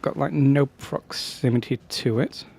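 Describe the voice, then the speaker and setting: A man talks his way through a strategy game in a mid-pitched, easygoing voice. He rambles, restarts sentences and wanders into chatty asides. Faint game music plays behind him. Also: a little slow, creaky, darkish tone, slightly rough. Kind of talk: casual gameplay commentary.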